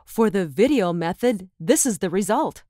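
In a scripted tutorial, a woman talks through step-by-step instructions at a moderate pace, her pitch rising and falling animatedly. The sound is dry and close, like a voice-over mic, with no echo.

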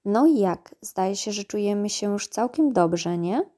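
A woman's voice: medium pitch, lively intonation, measured pace, warm tone. A woman voicing a bossy, scolding old female gnome healer in a storybook reading. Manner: scolding, brusque.

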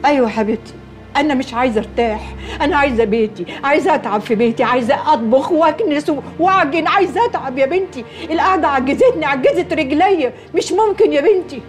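A woman's voice: high voice, animated, quick pace, soft background music. An actress with an Egyptian accent playing an older mother who scolds and complains, repeating herself in exasperation. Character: fussy older mother, thrifty and restless. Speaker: mother-in-law.

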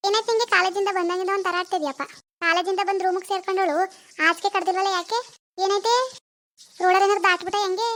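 A woman's voice: very high-pitched, fairly even intonation, fast, a bit bright. A woman voicing a caring, nagging elder sister in a village family drama. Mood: concerned. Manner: nagging, questioning.

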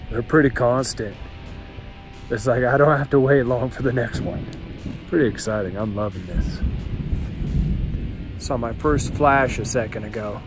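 This backpacking vlogger, a middle-aged man, speaks at a measured pace with long pauses in a mid-range voice, filming himself by a mountain lake at a forest campsite with his phone held out. The low-quality recording has music underneath, and his easygoing manner turns excited as the storm hits.

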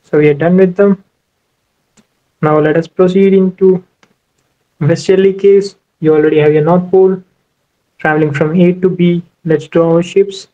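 With a high-sitting, warm voice, a navigation instructor explains ship navigation step by step over a whiteboard screen recording made on a tablet, leaning on "you know" again and again. His tone stays steady at a moderate pace with long pauses, and the sound is dull.

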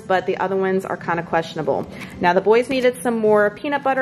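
This medium-pitched woman is a vlogger presenting her groceries from her home kitchen, chatting casually and brightly right at the audience. A bit of background noise can be heard.

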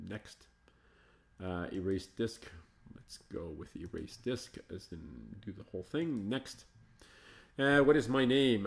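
A man hosting a live Linux show, chatting casually and thinking aloud as he installs and explores software, coaxing slow programs along. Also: on the low side, vocal fry. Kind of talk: casual live screencast commentary.

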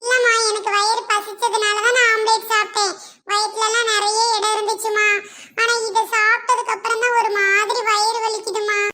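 A greedy little boy whines and draws out his words in a slow singsong, as a woman puts him on. His voice is very high and bright. It is a comic skit. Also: little pitch movement. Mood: whiny. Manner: whiny, singsong, drawn-out.

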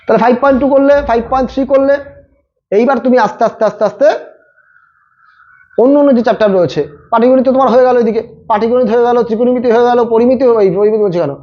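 A man's voice: very high-pitched, steady tone, lo-fi sound. A male maths tutor giving last-minute exam tips, talking directly to students and repeating his points. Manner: rapid, repetitive, coaching students directly.

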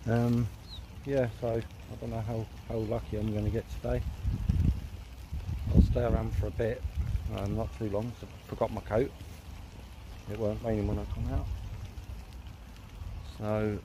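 A man's voice: lowish voice, little pitch movement, unhurried, long pauses, very noisy. A man recording a casual outdoor video diary as a wildlife photography vlogger, talking hesitantly with many ums. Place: outdoors by water in nature.

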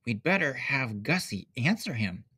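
A man's voice: medium pitch, very animated, normal speed, bright, forceful tone, breathy edge, no room sound, clean studio sound, exaggerated voice. A man voicing an eager young girl puppeteer in a picture book read-aloud.

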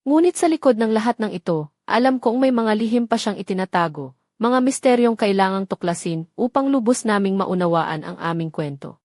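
A woman's voice: medium pitch, lively intonation, fairly quick, a little mellow, no echo, studio quality. A woman narrating a dramatic first-person story from a script in a heartfelt, emotional way.

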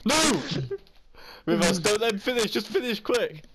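A man in excited gaming chat, shouting and cheering his friends through a race until he is out of breath. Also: high-pitched, moderate pace, noisy background. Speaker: gamer on voice chat.

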